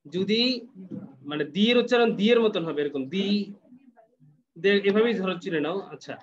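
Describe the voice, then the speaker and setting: A man's voice: high-pitched, expressive, moderate pace, highs cut off. A man teaching an English class online, patiently explaining step by step and checking that students follow.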